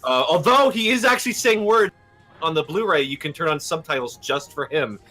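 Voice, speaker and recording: Rambling casually on a livestream, a man keeps dropping into mock British and Irish accents for laughs. He sounds animated and sharp, fairly high-pitched and fairly quick, with faint music playing behind.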